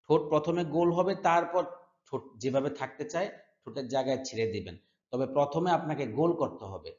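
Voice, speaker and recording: A man with a Bangladeshi Bengali accent teaching Quran recitation, chanting verses in drawn-out syllables and repeating sounds for students to follow. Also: a little high, lively intonation, a little mellow. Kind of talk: slow tajweed lesson with chanted recitation. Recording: echoey room, dull lo-fi sound.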